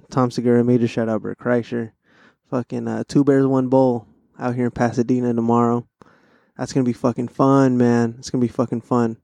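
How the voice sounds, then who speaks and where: A stoned young man hosts a casual solo podcast. His voice sits at a medium pitch in a dry, echo-free recording. He talks in loose, profane bro slang, circling back over his own phrases. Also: creaky, mellow. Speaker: podcast host.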